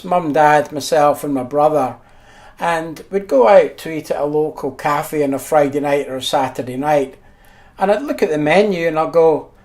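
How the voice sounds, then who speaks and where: A man's voice: a little high, darkish tone. A middle-aged Scottish man narrating a casual travel vlog, chatty and telling stories with dry humour. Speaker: travel photography vlogger.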